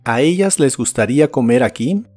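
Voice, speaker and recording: A man teaching English to Spanish speakers in a scripted lesson, pronouncing each word slowly and carefully. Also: mid-range voice, animated, a little mellow, soft background music. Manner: slow, careful model pronunciation of English words.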